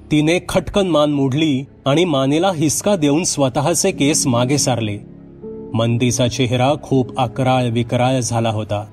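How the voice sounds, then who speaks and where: A male storyteller reading a horror bedtime tale in a dramatic, steady manner. His voice sits at a middle pitch, and soft music plays faintly underneath. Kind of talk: scripted horror story narration.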